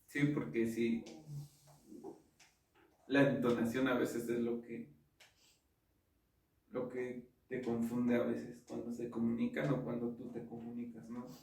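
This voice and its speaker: A man with a Mexican accent co-hosting a casual podcast, making slangy jokes and laughing loudly and often. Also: mid-range voice, monotone, takes it slowly, vocal fry, long pauses. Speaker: podcast co-host. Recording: echoey room, mic at a distance.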